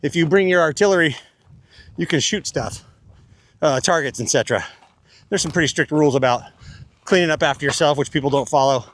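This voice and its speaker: A man's voice: fairly high pitch, a little fast, pauses often, fairly bright tone. A man vlogging outdoors in a breezy desert while hiking, talking in a chatty, rambling and playful way. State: out of breath while climbing. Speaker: vlogger, hiker. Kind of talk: casual chat on a desert hike.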